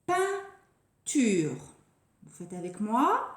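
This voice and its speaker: A woman teacher speaks to young children with a high, lively voice that swoops up and down. Her tone is mellow and she draws out each word slowly, repeating it with care. The sound carries the echo of a bare room. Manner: slow, deliberate, stretches and repeats words for children. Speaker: preschool teacher. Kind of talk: recorded lesson for young children. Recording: echoey room.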